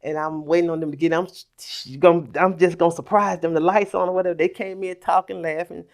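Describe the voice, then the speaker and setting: A middle-aged woman telling a personal story on a podcast, animated, acting out quoted voices. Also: fairly low pitch, fast, vocal fry. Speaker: podcast guest. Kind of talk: casual storytelling.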